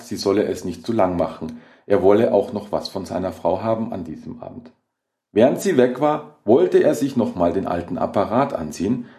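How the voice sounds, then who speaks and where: A man narrating a horror short story in a measured, dramatic reading. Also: lowish voice, warm tone. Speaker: audiobook narrator.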